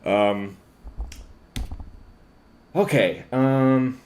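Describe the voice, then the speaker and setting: A man composing on a live stream, thinking aloud in a halting, casual way with lots of fillers and self-deprecating asides. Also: medium pitch, a little mellow. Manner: halting and musing, many fillers, laughs at himself.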